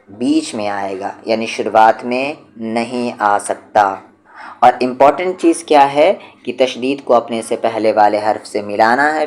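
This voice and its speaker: A man teaching an Urdu reading lesson, going slowly and patiently, repeating each rule and sounding out syllables one by one. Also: medium pitch, darkish tone. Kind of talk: step-by-step spoken lesson.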